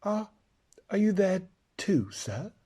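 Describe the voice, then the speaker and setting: A man's voice: very animated, slow pace, mellow, slightly rough, exaggerated voice. A curious, startled young boy, as a man reading a storybook puts him on. His voice climbs above the reader's own and turns each line into an eager question. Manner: surprised, questioning, raised pitch.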